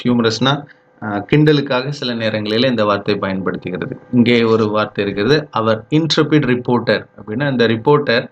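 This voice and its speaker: A man with a Tamil accent teaching English vocabulary, repeating each word slowly to show how it is said. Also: medium pitch, slight background noise. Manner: slow, repeats words for pronunciation, mixes Tamil and English. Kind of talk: vocabulary lesson.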